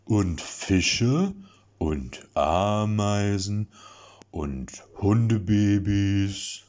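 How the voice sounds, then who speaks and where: A man voicing a dim-witted hulking mercenary who drones in a deep, babyish singsong. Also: lively intonation, a little mellow. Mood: dreamy singsong. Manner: slow dreamy singsong, deep yet babyish. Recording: dull lo-fi recording.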